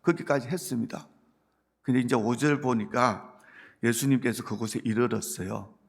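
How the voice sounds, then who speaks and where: A man's voice: medium pitch, normal speed, vocal fry, breathy edge. A male pastor, preaching a sermon earnestly and rising to emphatic points. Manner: earnest preaching, quoting Jesus gently, building to emphatic points.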